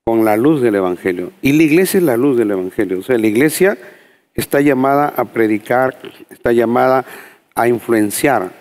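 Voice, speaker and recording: A pastor explains scripture at an ordinary mid pitch. He speaks in a measured, teaching manner, with frequent fillers and small restarts as he reaches for the right word. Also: a little mellow. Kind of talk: preaching in a panel discussion.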